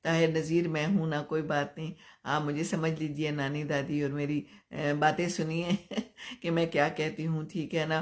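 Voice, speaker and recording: An older woman from Pakistan, hosting a live stream and giving gentle advice while answering viewers' comments. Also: low-pitched, level tone, moderate pace. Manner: gentle, advising, chuckles often.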